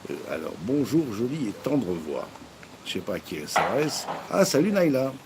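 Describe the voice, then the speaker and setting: Hosting a cooking live stream on a phone mic, this man speaks at a normal speed in a low voice with big pitch swings and vocal fry. He chats casually and jokes with viewers, rambling with lots of fillers and restarts. Noisy ambience fills the background.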